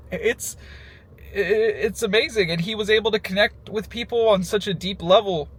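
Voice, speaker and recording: A man speaking casually and emotionally in a heartfelt personal tribute, halting as he goes, sad in his farewell. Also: high voice, husky. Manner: emotional, halting, with nervous little laughs breaking into phrases.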